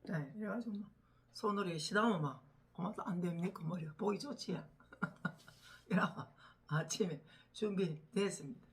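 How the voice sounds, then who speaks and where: Over her morning coffee at home, this older woman from Korea's Gyeongsang region talks to the camera with a Gyeongsang accent; she's a vlogger who also works as a home caregiver. Her pitch is low, her pace a little slow with long pauses, and there's a faint hiss or hum. She pokes fun at her husband, laughs often, and sometimes lowers to a gentle murmur.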